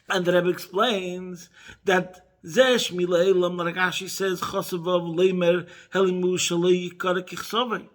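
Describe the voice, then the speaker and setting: A man teaching a Chassidic Torah class, mixing Yiddish and Hebrew phrases into English and rising to emphatic peaks. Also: a bit bright. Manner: rises to emphatic high peaks.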